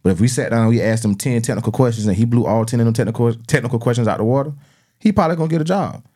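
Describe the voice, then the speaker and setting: A man's voice: mid-range voice, fairly even intonation, racing, warm tone. A man with a South Carolina Southern accent chatting and debating casually as a podcast host, using slang and swearing freely.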